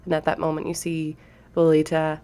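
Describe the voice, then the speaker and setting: A woman's voice: deep voice, monotone, fairly quick, dark tone, smooth. A woman narrating a tabletop role-playing game as the game master.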